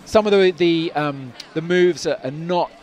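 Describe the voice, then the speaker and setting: At an outdoor climbing event, a man with a fairly high voice and darkish tone delivers live commentary and interviews a little slowly. He's chatty and rambling with many fillers and restarts, and crowd noise carries behind him.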